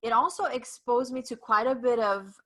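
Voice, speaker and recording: Pushed and bright, with a pitch on the high side and a moderate pace, the voice belongs to an author from Romania who is a native Hungarian speaker. Guesting on a casual podcast, she tells her story earnestly, using plenty of fillers.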